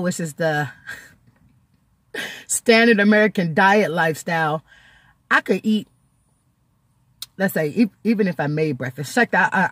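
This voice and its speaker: Chatting casually for her video diary, the vlogger laughs frequently yet seems on the verge of tears, her emotions close to the surface. Her voice is mid-range and there's no echo.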